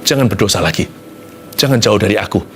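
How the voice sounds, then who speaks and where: A man preaching an animated sermon. He mixes in English phrases and swings between high excited exclamations and low soft asides. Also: fast talker, vocal fry, soft background music. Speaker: pastor.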